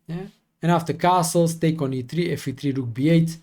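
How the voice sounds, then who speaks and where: Chess coach calmly explaining opening lines. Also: male voice, on the high side. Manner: thinking aloud, with many fillers and quick self-corrections.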